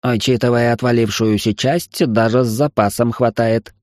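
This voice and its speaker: A man's voice: medium pitch, steady tone, normal speed, darkish tone, no echo, clean studio sound, close to an everyday voice. A man voicing a grumpy, irritable male mechanic robot in an audiobook. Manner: griping, irritable.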